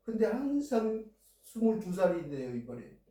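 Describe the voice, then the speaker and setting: High, mellow pastor in echoing church. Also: male voice, very animated, moderate pace. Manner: conversational storytelling, recounting events with feeling. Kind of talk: sermon. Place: church sanctuary. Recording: very echoey hall, voice heard from a distance.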